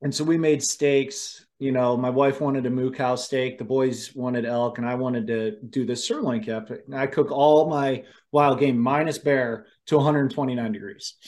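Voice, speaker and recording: A man hosting a casual chat, telling animated stories about cooking wild game and laughing often. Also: mid-range voice, normal speed, few pauses. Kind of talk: casual conversation.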